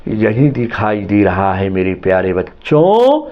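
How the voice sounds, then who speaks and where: A man's voice: fairly low pitch, very animated, a little slow, dull audio. A man who, as a teacher, retells a story for a lesson in a dramatic, repetitive way.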